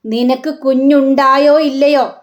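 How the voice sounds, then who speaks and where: A woman acting out a furious mother-in-law in a retold soap scene, demanding answers in a slow, hammering way. The voice sits high and pointed, scolding without letup. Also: little pitch movement, highs cut off. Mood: harsh, demanding. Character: stern angry mother-in-law interrogating her daughter-in-law.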